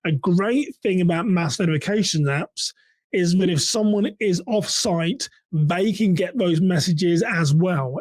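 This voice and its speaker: This solo podcast host, who works in church security, talks through things conversationally from hands-on experience and asks the listener questions. His voice is high-pitched, and the sound is echo-free.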